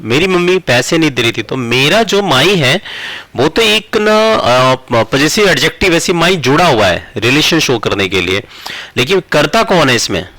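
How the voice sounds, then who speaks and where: Bright male teacher. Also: on the high side, big pitch swings, no room sound, poor audio. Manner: slow word-by-word dictation, repeating phrases. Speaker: English teacher. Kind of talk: explaining grammar while writing examples.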